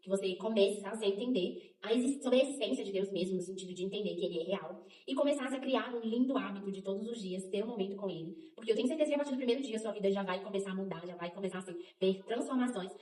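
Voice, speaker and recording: Fast-talking woman, roomy distant mic. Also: medium pitch. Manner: animated, laughing often, restarts phrases. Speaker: co-host. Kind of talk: casual faith chat.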